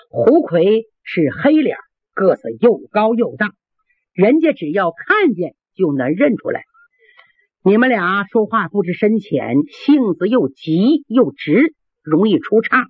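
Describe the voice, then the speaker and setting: A stern elderly mother , as a storyteller puts her on, speaking in a low, scolding voice. The sound is dry and tinny, like a phone line. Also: sing-song, measured pace, breathy edge, no echo. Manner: scolding, lowered voice.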